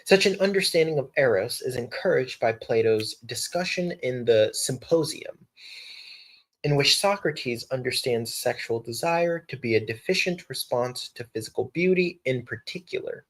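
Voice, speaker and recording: A man's voice: medium pitch, animated, moderate pace. A young man on a casual live stream, reading a philosophy text aloud, stumbling over words, restarting lines and breaking off for slangy asides.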